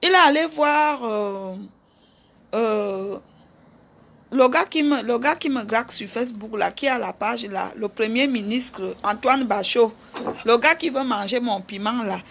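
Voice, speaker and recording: A middle-aged woman with a Cameroonian accent talks straight to her viewers in an animated, chatty vlog. Her voice sits high, with a gravelly rasp in it. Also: measured pace. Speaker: vlogger. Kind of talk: casual live chat with viewers.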